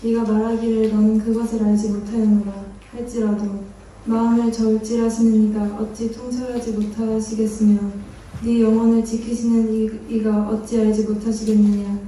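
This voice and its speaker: Woman, scripture reading, very dark tone, flat even delivery, echoey hall, distant mic. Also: a little high, moderate pace. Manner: steady, even recitation. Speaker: scripture reader. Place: church hall. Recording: echoey hall, mic far off, faint noise.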